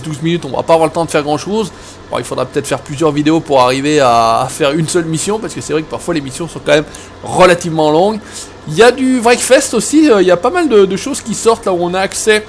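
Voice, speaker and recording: A rambling, joking man from Savoie, France, talks his way through a farming game from home, his voice sitting a touch high for a man. He restarts sentences often and fills gaps with easy fillers, with a faint hiss of noise under his voice. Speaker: gaming video host. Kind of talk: casual let's-play chat.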